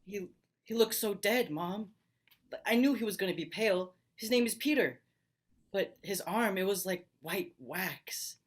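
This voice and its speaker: A woman's voice: mid-range voice, expressive, measured pace. An actress playing a blunt, foul-mouthed seventh-grade boy in a stage play. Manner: blunt, swears when upset.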